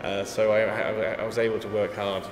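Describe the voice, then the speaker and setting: The speaker is a composer with an English accent, thoughtful and self-deprecating, who keeps restarting sentences in a casual interview. His voice is lowish and level, and he talks fairly quickly. The echoey gallery hall carries music in the background.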